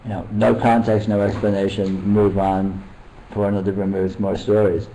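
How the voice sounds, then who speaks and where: An older man, a meditation teacher, talking casually at a retreat in a halting, rambling way with many restarts. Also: lowish voice, little pitch movement, warm tone, a little hiss or hum, rough recording.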